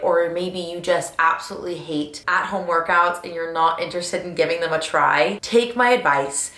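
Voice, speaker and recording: A woman in her twenties chats to camera about fitness, gushing and bubbly, with little laughs. Her voice sits a bit low. She is recording at home indoors, and the room rings with echo. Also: bright, forceful tone. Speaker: fitness vlogger. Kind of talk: casual chat to camera. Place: indoors at home, lit by twinkle lights. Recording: echoey room.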